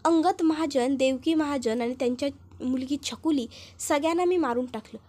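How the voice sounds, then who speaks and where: A boastful, ruthless older man who brags and sounds suspicious, read out by a woman narrator. The voice stays high-pitched throughout, like a recap reader's own. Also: moderate pace, mellow, natural voice.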